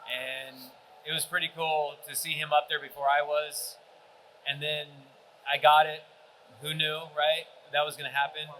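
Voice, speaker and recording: A man's voice: on the high side, level tone, moderate pace, sharp tone, slight background noise, rough recording. A man answering fan questions on a convention panel, telling stories with enthusiasm.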